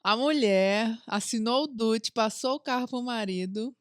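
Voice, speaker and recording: Podcast host: a woman with a slightly high voice, dry studio sound, chatty reactive interjections. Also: a little slow, no room sound. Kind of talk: casual interview chat.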